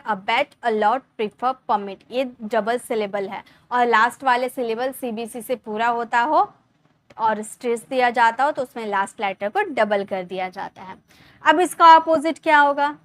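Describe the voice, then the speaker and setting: A young woman teaching English grammar in Hindi, explaining step by step, repeating words slowly and asking her class questions. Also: sits high, fairly bright tone, dry recording. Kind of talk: Hindi-language grammar lesson.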